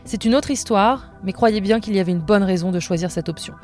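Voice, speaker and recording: A woman's voice: medium pitch, a little fast, a little mellow, faint music behind. A woman podcast host telling a personal story in casual narration, with a wry, self-mocking humor.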